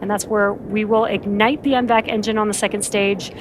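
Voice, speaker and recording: A woman's voice: mid-range voice, fairly even intonation, brisk. A woman hosting a live launch webcast, explaining each event in an announcer-like way. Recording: clear background noise.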